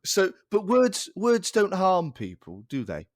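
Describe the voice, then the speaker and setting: A man's voice: sits high, wildly swooping pitch, unhurried, dry recording, studio quality. A young man co-hosting a casual podcast, ranting in exasperation and restarting his sentences. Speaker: podcast co-host.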